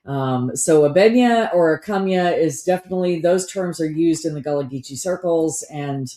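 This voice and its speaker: A woman's voice: low-pitched, normal speed, mellow. A woman co-hosting a podcast in casual, storytelling conversation, recorded in a roomy-sounding space. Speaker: podcast co-host.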